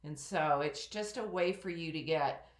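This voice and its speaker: Low-voiced woman teaching with a head cold. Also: a little slow, roomy sound. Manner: calm, coaching, talks the listener through breathing exercises. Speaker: personal development teacher. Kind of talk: instructional talk to camera.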